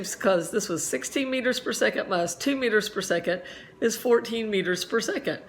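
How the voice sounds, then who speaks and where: A middle-aged woman teaching physics at a steady middle pitch, walking through each problem step by step. She talks in a chatty way and makes little asides. Now and then she coughs a bit. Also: slight background noise. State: slight cough. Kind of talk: homeschool physics lesson.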